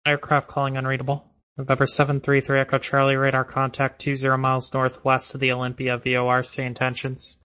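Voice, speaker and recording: Over a dull, band-limited radio link, a male air traffic controller issues terse, businesslike procedural instructions. He speaks quickly in a monotone, with a medium-pitched, bright and forceful voice.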